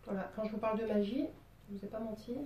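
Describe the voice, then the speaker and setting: A woman's voice: mid-range voice, flat delivery, fast, mellow, far from the mic. Chatty southern French woman, roomy sound. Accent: southern French (Marseille). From Marseille, southern France. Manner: chatty, playful, lots of fillers. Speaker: drawing teacher. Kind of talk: drawing tutorial. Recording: roomy sound, voice away from the mic.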